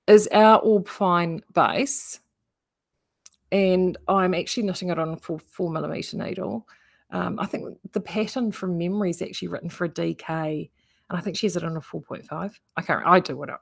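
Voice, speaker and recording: A woman's voice: on the low side, gravelly. A woman with a broad New Zealand accent chatting casually to viewers in a rambling, self-interrupting way as host of a craft vlog. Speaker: knitting vlogger and yarn shop host. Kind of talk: casual chat to live viewers.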